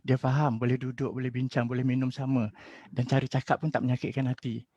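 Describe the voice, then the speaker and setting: Middle-aged male counselor, animated storyteller; close dry mic, muffled webinar sound. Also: mid-range voice, fast, no echo. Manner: lively storytelling, acts out quotes. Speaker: school and university counselor. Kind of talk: webinar talk. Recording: dull lo-fi webinar audio.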